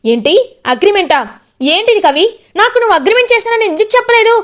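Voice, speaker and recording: A woman's voice: very high voice, lively intonation, quick pace, fairly bright tone, pitched above the performer's own voice. A woman voicing a fierce, confrontational young wife in a retold serial. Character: tough blunt young wife.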